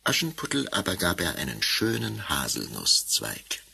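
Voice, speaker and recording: Guy with doing warm fairy tale telling, really animated, bright forceful voice. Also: deep voice, normal speed, vocal fry, slightly rough. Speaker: narrator. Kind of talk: fairy tale narration for an audio drama.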